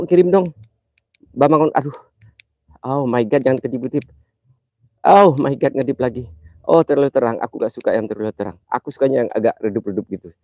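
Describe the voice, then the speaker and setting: A man hosts a live ghost-hunt stream from a cemetery at night, teasing and joking with his viewers in a playfully affectionate way. His voice is warm and mellow, with a stuffy, congested nose from a cold. The sound is close and dry. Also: medium pitch, dry recording. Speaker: livestream host.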